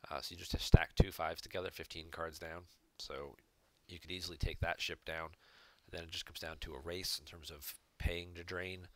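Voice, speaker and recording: A man's voice: low-pitched, fairly even intonation, normal speed, hardly any pauses, a bit bright. A man commentating on a recorded card game match, explaining each play step by step from home. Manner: analytical, explains plays step by step. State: hiccups. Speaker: game reviewer. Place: home room.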